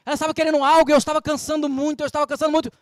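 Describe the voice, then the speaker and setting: A man's voice: extremely high pitch, little pitch movement, rapid-fire, dry recording, studio quality. A man with a Brazilian Portuguese accent preaching a sermon as pastor, emphatic, with rhetorical questions and scripture quotes. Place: church.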